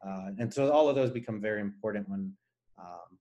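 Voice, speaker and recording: The recording has its highs cut off, and the man's dark-toned voice sits on the low side as he speaks a little fast. He's a Nicaraguan guest engineer, a native Spanish speaker, answering earnestly and explanatorily in a conversational interview.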